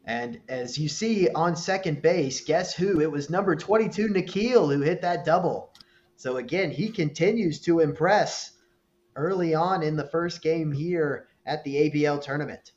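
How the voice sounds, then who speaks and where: Measured male baseball commentator, dull remote audio. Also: a little high, darkish tone. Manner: measured, explanatory, many fillers. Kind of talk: live sports commentary.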